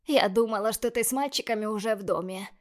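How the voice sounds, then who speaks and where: A woman voicing a warm, doting elderly grandmother in an audiobook, with gushing, drawn-out exclamations. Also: medium pitch, close to an everyday voice. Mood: delighted. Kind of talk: audiobook character voice.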